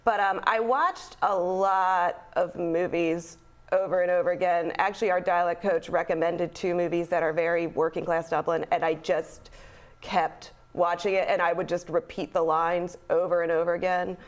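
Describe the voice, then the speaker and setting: A young woman who acts in a community theater play chats casually in an interview, laughing lightly and using lots of fillers. Her voice is fairly low and level, at a normal speed.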